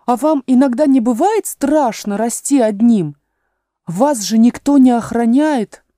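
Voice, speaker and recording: A woman's voice: a little high, a little slow, warm tone, no room sound, clean studio sound, pitched above the performer's own voice, close to an everyday voice. A woman voicing a curious, polite young girl in a storybook reading, asking earnest questions. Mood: excited.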